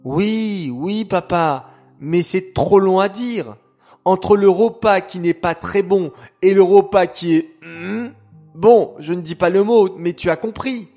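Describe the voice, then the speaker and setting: Man doing a cranky little boy, grumbles loud and drawn out, high-ish voice. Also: a little slow, faint music behind. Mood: whiny. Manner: sulky, grumbling, loud bursts. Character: grumpy mumbling young boy.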